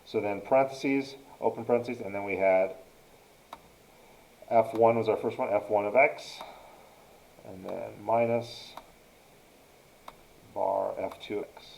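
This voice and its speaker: A man's voice: on the low side, fairly even intonation, unhurried, creaky, long pauses, a little mellow, echoey room, a little hiss or hum, rough recording. A man teaching a math lesson, dictating each entry step by step as he narrates a calculator demonstration.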